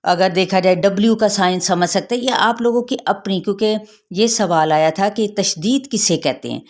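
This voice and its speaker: A woman teaching Quran recitation rules, patiently explaining each rule and then reciting the words slowly. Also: mid-range voice. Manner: patient, repeats rules, checks with "theek hai".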